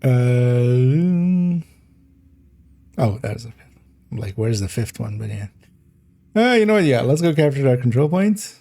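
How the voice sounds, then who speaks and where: A man gives loose, rambling commentary while he plays a game. His voice is mellow and soft-edged, and he giggles and restarts his sentences often. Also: medium pitch, animated, takes it slowly, long pauses. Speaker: game streamer. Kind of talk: casual gameplay commentary.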